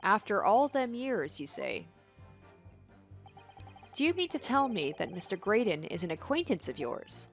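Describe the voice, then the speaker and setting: A woman's voice: mid-range voice, big pitch swings, measured pace, vocal fry, long pauses, soft background music. Woman reading as an earnest young male lawyer. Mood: probing. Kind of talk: video game character read-aloud.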